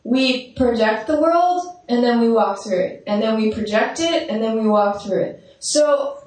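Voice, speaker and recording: In a large meditation hall full of echo, a spiritual teacher talks off-mic, her fairly high, slightly mellow voice sounding distant. She is expressive and measured, projecting strongly as she leads visualizations and regularly checks in with those listening.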